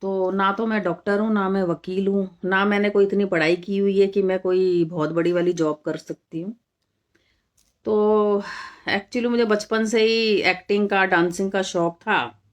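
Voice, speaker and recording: A woman's voice: medium pitch, fairly even intonation, measured pace. A middle-aged woman from India hosting a casual live stream, talking straight to her viewers and firmly rebutting comments, repeating her points for emphasis.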